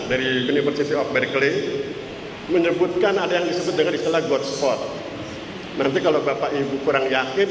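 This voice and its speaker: A man in his sixties, a university lecturer giving a motivational religious talk in a mosque, chatty and joking as he keeps checking in with his listeners. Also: on the high side. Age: 60s. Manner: chatty and joking, often checking in with the audience with 'ya?'. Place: mosque hall. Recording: echoey hall with background noise.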